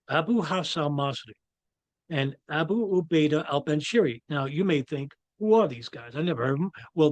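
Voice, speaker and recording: A man's voice: a little high, no room sound. A man with a New York accent giving his own views in a rambling monologue, full of restarts and fillers. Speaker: commentator. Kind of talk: casual monologue.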